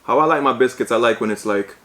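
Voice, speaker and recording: A man's voice: mid-range voice, fast talker. Jamaican man chatting through a food vlog. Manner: excited, casual, chatty. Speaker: vlogger. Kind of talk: mukbang vlog. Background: bag crinkling.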